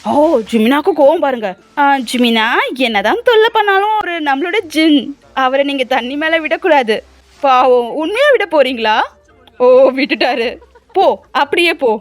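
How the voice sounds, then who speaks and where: A woman's voice: sits high, lively intonation, normal speed, no room sound. A woman with a Tamil accent narrating a comic fan dub in a teasing, chatty voice-over, full of exclamations.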